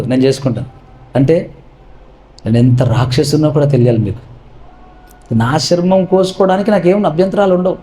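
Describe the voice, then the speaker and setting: A pastor, a man with a slightly high but mellow voice, preaches with fervour. He keeps pressing his listeners with repeated rhetorical questions. The sound carries a roomy echo. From India. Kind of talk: sermon.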